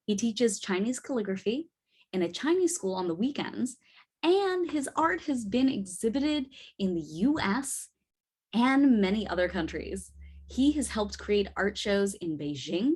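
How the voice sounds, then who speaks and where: A woman's voice: medium pitch, sing-song, measured pace, a little mellow, breathy edge. Cheerful woman emceeing an event. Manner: cheerful, upbeat. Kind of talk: event hosting.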